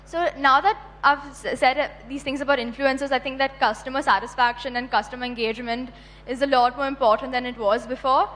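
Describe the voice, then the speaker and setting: A young woman speaking quickly and casually on a panel, with lots of filler words. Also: sits high, steady tone, a bit bright. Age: teens or young adult. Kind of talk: panel discussion. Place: conference hall. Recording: reverberant conference hall.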